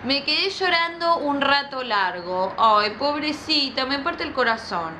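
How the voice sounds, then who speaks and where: A woman with a Rioplatense Argentine accent reads a viewer's love story aloud and reacts with animated outrage and crude slang. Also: high-pitched, unhurried, a little hiss or hum. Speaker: youtuber.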